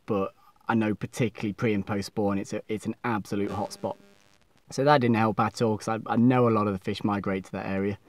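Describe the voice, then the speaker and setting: A man's voice: on the low side, steady tone, a little fast. Young guy vlogging by a lake, frank and hard on himself, stumbles and restarts a lot. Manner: frank, self-critical, many restarts. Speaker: fishing vlogger. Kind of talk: casual outdoor vlog talk. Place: outdoors by a lake.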